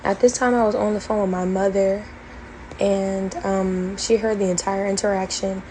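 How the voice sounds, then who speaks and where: A woman's voice: mid-range voice, level tone, moderate pace, dark tone, a little hiss or hum, poor audio. A young woman earnestly recounting her college experience in a storytime vlog, detailed and full of fillers. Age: young adult. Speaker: former college band member telling her story.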